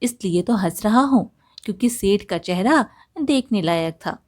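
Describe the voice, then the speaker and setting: A woman's voice: mid-range voice, animated, moderate pace, natural voice. A cheeky talking parrot in a storybook, chatty and teasing, male but voiced close to an everyday woman's tone, as a woman reading the tale puts him on. His lines roll along easily in a friendly, playful way.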